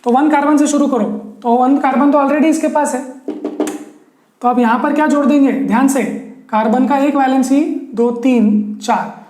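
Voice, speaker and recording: A man's voice: very high-pitched, fairly even intonation, moderate pace, darkish tone, reverberant, slight background noise. A male teacher giving a lesson, who keeps asking his students questions and repeats key words as he explains step by step. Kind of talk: online classroom lesson.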